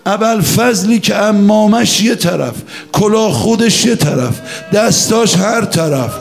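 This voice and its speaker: Male preacher, high and impassioned, shouting and chanting a mourning sermon. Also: lively intonation, creaky, faint music behind.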